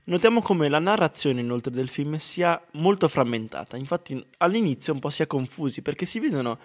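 A man co-hosting a casual film review, explaining in long, winding sentences that he often breaks off and restarts. His voice is a touch high for a man. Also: animated, a little fast. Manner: rambling, restarts and fillers.

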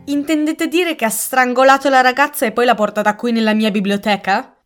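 A woman's voice: fairly high pitch, fairly even intonation, brisk, faint music behind, voice pushed up, natural voice. Woman doing a blustering old English colonel. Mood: indignant. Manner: gruff, loud, pompous. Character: blustering elderly English colonel, stiff and indignant.

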